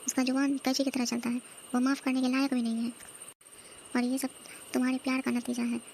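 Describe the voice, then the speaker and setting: A woman voicing an older, sharp-tongued mother-in-law in a cartoon comedy, firm and scolding. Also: sits high, level tone, brisk, creaky, slight background noise.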